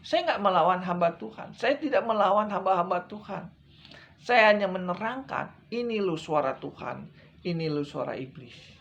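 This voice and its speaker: A male evangelist delivers a sermon in a fairly high voice for a man. He hammers his points through repetition, pushing some lines out with urgency and letting others sink almost to a hush. He speaks directly to his listeners as brethren. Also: animated, moderate pace, creaky, highs cut off. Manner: emphatic, repetitive preaching with swings between loud and hushed. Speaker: evangelist preacher.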